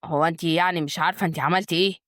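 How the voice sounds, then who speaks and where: A woman performs a tense young Egyptian husband whose words come short and clipped. The voice sits low for her and moves quickly. It is recorded dry and close. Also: steady tone, a bit bright, dry recording, natural voice. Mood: stern. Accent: Egyptian Arabic.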